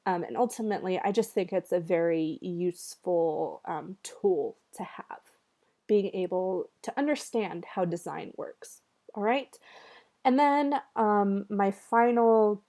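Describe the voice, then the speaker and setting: A woman's voice: on the low side, mellow. A woman teaching a college writing class in a recorded video lecture, with a slightly nasal voice from allergies and a conversational way of talking, full of ums and check-ins with students.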